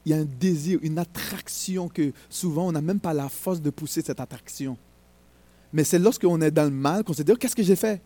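Fervent high-voiced male preacher. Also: normal speed, mellow. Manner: emphatic, rising to fervent exhortation. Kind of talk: sermon.

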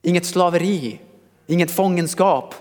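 A male preacher talks through a scripture passage in a relaxed, joking manner, addressing people in the room directly. His voice sits slightly high for a man. A long reverb trails off his words in the church hall. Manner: lively, conversational, jokes with congregation. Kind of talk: sermon.

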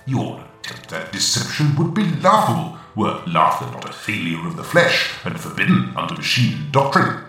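A man's voice: fairly low pitch, very animated, normal speed, sharp tone, pitched below the performer's own voice, full character voice. A man voicing a stern, zealous male leader of a machine cult, speaking solemnly and with scorn. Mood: menacing. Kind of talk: solo tabletop role-play. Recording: heavy echo, distant, music behind.

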